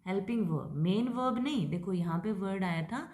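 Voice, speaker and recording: A woman with an Indian English accent, lecturing to students and explaining terms slowly, mixing Hindi with English words. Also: mid-range voice, lively intonation, darkish tone. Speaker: English teacher. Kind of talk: classroom lecture video.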